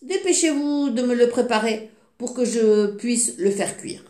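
A hungry, greedy giant ogre drags out every demand in a slow storybook voice, as a woman reads him. The room around the voice is echoey. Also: a little high, warm tone, pitched above the performer's own voice, natural voice.

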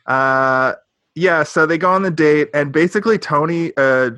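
A man's voice: fairly high pitch, moderate pace, bright, forceful tone, dry recording. A man co-hosting a podcast, casually recapping a show with blunt, wry opinions. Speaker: podcast co-host. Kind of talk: casual recap chat about a sitcom.

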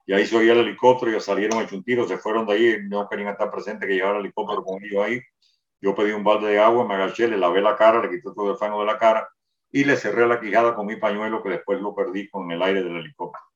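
An older man, interviewed about a wartime memory, gives rapid, detailed first-person testimony and often restarts his phrases. His somewhat low voice is delivered flatly and sounds distant, in a roomy space with dull sound.

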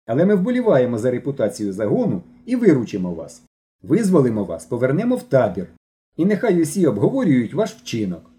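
A male reader voicing a stern teenage boy who lectures two runaways in a lively, raised tone. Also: mid-range voice, brisk. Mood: scolding. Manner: lecturing, indignant. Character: stern teenage boy, troop leader, scolding.

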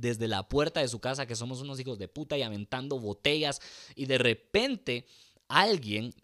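A man telling a crude, self-mocking comic story, swearing freely and acting out shouts. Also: mid-range voice. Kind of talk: comic personal anecdote.

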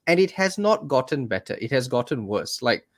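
Male podcast co-host, casual and chatty, exasperated edge, mid-pitched voice. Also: big pitch swings, fairly quick. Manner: chatty, exasperated, frequent restarts and "mate". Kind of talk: casual chat.

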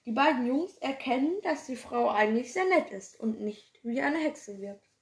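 A woman reads a children's story aloud, tripping over words, correcting herself and making casual asides. Her voice is high, and the room around her gives it a roomy echo. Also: animated, normal speed. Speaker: reader.

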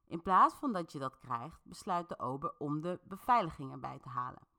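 A woman hosting a podcast, narrating an interactive story in a relaxed, chatty way while talking straight to her listeners. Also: sits low, normal speed, gravelly.

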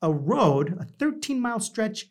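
Casual host, middling pitch, rambling delivery, informal conversational storytelling. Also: very animated, unhurried. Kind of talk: casual chat.

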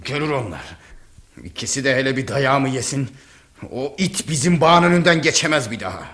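A man's voice: medium pitch, expressive, a little fast, a bit bright, natural voice. An actor playing a stern, hot-tempered village father who guards his family's honor and barks orders. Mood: angry. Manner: domineering, barking orders. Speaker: angry father of the household.

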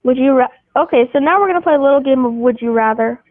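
A woman's voice: high voice, quick pace, no room sound. A woman in casual chat, running a made-up game, rambling with lots of restarts and giggles. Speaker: game host posing scenarios. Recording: tinny phone-like dry sound.

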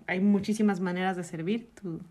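In a mid-range voice at a fairly quick pace, a woman with a Mexican accent co-hosts a podcast. Casual and teacherly in her explanations, she's animated and laughs frequently.

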